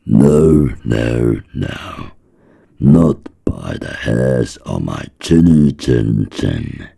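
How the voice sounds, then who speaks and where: Man as little storybook pig, raised pitch, gravelly, emphatic, defiant, frightened. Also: sing-song, extremely slow, warm tone, heavily acted. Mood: defiant refusal. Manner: emphatic, repetitive refusals.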